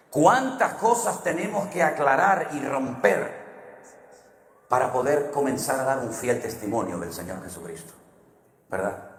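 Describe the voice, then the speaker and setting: A middle-aged man from Spain with a Spanish accent, preaching a sermon as a pastor and telling stories, moving from hushed to loud and high. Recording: echoey hall with long reverb.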